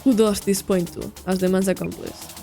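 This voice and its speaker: A woman drops her voice to play a poised male detective from a mystery game, leading each question with lofty formality. The tone is dark and mellow, lower than her own, with faint game music behind. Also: fairly even intonation, creaky, close to an everyday voice. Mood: deductive. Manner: measured, grandly formal questioning. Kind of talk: reading a visual novel aloud.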